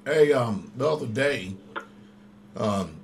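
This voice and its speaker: A man in his fifties, a pastor hosting a call-in radio show, talking in a warm, easygoing drawl. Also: mid-range voice, expressive, slow, gravelly, a little hiss or hum. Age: 50s. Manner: warm, drawling, laughs easily.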